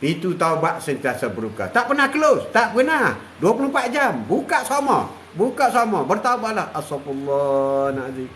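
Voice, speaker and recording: An older man preaches. His voice sits high, and he repeats key phrases, drops a steady "ha" between lines, and chuckles now and then. A faint ambient hiss sits underneath. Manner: repetitive, drawn-out, punctuated with "ha" and chuckles. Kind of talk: live religious talk.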